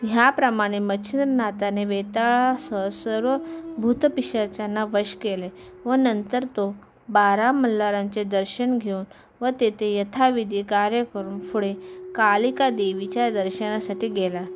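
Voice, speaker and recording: A woman reading a devotional scripture aloud in a steady, recitative manner, in a noisy home recording. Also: mid-range voice, a little slow. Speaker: scripture reader.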